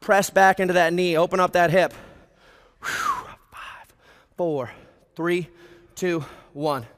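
High-pitched American gym-bro fitness coach, man. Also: fairly even intonation, unhurried. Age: 20s. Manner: gym-bro, hyped, motivational; exerting himself while talking. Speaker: fitness instructor leading a group workout. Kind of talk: workout coaching with cues and countdowns. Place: large brick warehouse gym, indoors. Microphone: headset. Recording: reverberant large hall.

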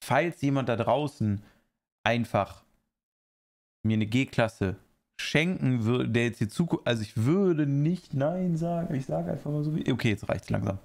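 Streamer, male. Chatty reaction commentary, pitch bouncing all over, rambles and answers chat. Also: lively intonation, unhurried, creaky, darkish tone. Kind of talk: casual live-stream commentary.

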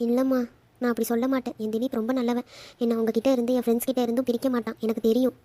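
A woman's voice: a little high, racing, no echo, natural voice. A young woman voicing a chatty cartoon bride-to-be. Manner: chatty, expressive. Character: lively, emotional young bride-to-be.

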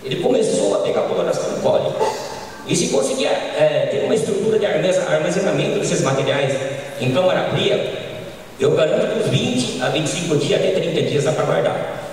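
A middle-aged Brazilian man giving an informal conference lecture on a handheld microphone, often ending points with quick tag questions. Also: a little high, lively intonation, a little mellow. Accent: Brazilian Portuguese. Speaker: agronomist lecturer. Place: large conference hall. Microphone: handheld mic, filmed from far. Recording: echoey hall from far off.

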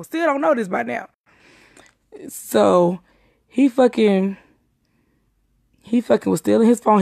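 Recounting a night out she witnessed, a young woman rambles, swears and stresses her points, repeatedly restarting and going over things again in this casual retelling. Her mid-range voice sounds creaky and darkish, captured in clean studio sound with no room noise.

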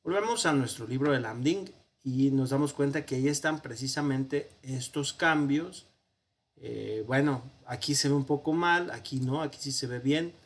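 Husky man teaching grammar slowly. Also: medium pitch. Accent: Mexican Spanish. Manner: patient, explanatory, self-correcting, with many "este" fillers. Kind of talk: online grammar lesson.

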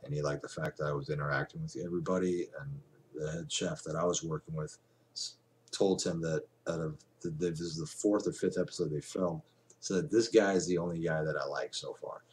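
A man in his forties with a low, deep voice vlogs from a small room at home. He talks straight into a desk webcam in a loose, rambling way, restarting sentences and filling gaps with "uh" and "like". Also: darkish tone. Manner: rambling, chatty, many fillers and restarts. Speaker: vlogger. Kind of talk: casual webcam vlog.

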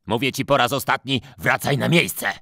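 A male actor voicing a stern, patronising school photographer in a children's storybook reading, speaking slowly in a low voice. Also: huge pitch swings, no room sound, studio quality, exaggerated voice. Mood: angry. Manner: slow, deep, patronising.

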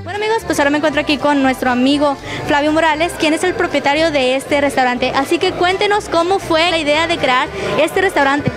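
A woman's voice: high-pitched, a little fast, few pauses, music in the background. A young woman reporter doing an on-location interview with a handheld microphone, upbeat and inviting. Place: outdoors at a restaurant entrance and indoors in its dining room.

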